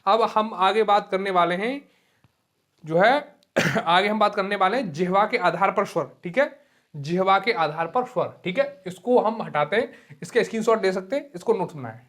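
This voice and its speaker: A man teaching a grammar class online, who explains slowly, repeats key terms and often checks in with his students. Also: high voice, lively intonation, a bit bright. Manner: drags vowels out long to demonstrate them. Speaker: Hindi teacher. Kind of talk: online exam-prep lecture.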